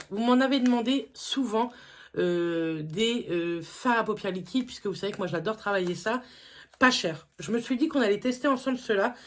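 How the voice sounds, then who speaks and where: A woman chats her way through a makeup haul, her voice sitting a little high. She talks loosely, with frequent fillers and eager little asides. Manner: chatty, lots of fillers, enthusiastic asides. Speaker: beauty vlogger. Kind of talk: casual haul review.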